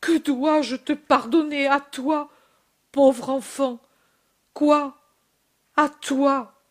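Woman voices anguished gentle mother, soft short phrases, slow, somewhat high voice.

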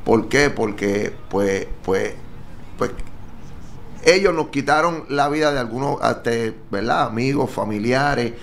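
A man's voice: mid-range voice, unhurried, gravelly, a little hiss or hum. A man with a Puerto Rican accent, telling his personal testimony earnestly in an interview and checking in with frequent tag questions. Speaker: guest giving testimony.

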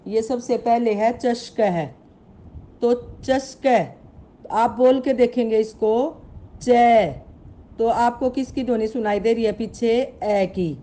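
A woman's voice: on the high side, fairly even intonation, measured pace, mellow. A woman teaching Sanskrit in an online grammar lesson. She patiently spells out sounds, asks her pupils questions and calls them beta. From Haryana, India.

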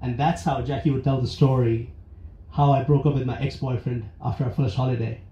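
A man from India telling a personal story live on stage, earnest and reflective, with pauses and restarts. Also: mid-range voice, fairly even intonation, mellow. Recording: roomy, dull live venue recording.

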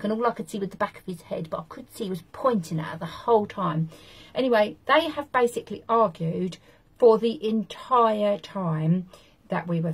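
A woman's voice: medium pitch, husky, poor audio. A woman vlogging, telling a funny story in a chatty, gossipy way with cheerful swearing. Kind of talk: casual storytelling to camera.

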